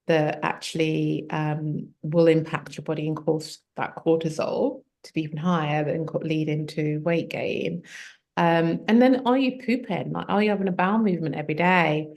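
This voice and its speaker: A woman, a health coach as guest, explaining at length in a relaxed conversational way with many fillers. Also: sits low. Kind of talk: conversational interview.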